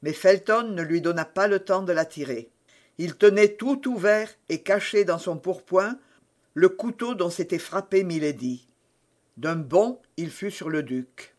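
Slow, high-voiced male narrator. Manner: measured, deliberate storytelling. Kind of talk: audiobook narration of a classic novel.

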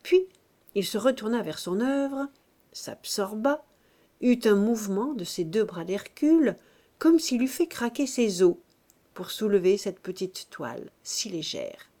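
A woman narrating a classic novel as an audiobook in a measured, expressive reading. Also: medium pitch.

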